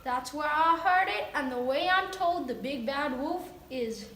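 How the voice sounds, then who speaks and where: A woman's voice: sits high, animated, unhurried, a bit bright. Woman doing a folksy rambling farmer pig. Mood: gossipy. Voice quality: drawling rural folksy talk. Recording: roomy echo.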